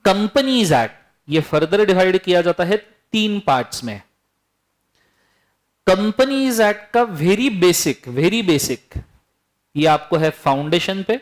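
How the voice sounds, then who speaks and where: A man with a notably high voice teaches a classroom full of students. He, and he keeps things lively and teasing, firing questions at the class as he goes. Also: takes it slowly. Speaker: law teacher. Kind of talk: classroom lecture.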